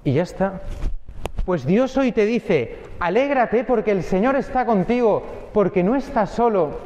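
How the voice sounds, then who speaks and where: A man's voice: sits high, lively intonation, measured pace, darkish tone, roomy sound, in a large hall, lo-fi sound. A man, a priest giving an earnest sermon that speaks straight to each listener. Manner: earnest, addresses listeners directly.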